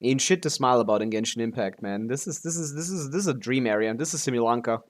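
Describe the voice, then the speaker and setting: A live streamer chats casually with viewers while playing a video game, rambling, complaining and swearing a lot. His medium-pitched voice is expressive, and he talks fast. Soft music plays in the background.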